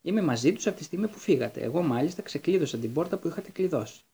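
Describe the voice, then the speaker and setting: A flustered school nurse bristles in a shrill, lifted voice, as a male reader puts her on. She sounds indignant and fussy, with a husky, darkish grain underneath. It is a storybook voice. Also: animated, mellow, full character voice.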